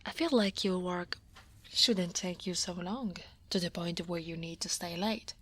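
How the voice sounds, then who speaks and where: A breathy, lowish voice at a measured pace belongs to a woman from Italy, accented, who plays a weary, guarded dragon office coworker. She keeps to a soft, tired half-whisper right at the mic for an ASMR roleplay.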